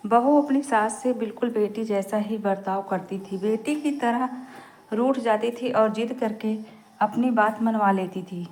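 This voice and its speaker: A woman narrating a family story in a plain, even reading voice. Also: mid-range voice.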